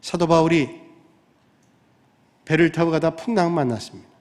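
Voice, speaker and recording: Pastor guy giving a sermon, pretty high voice, lots of hall reverb, earnest preaching. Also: normal speed, a little mellow. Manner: earnest preaching, voicing God and Elijah in quotes. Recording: long reverb of a church hall.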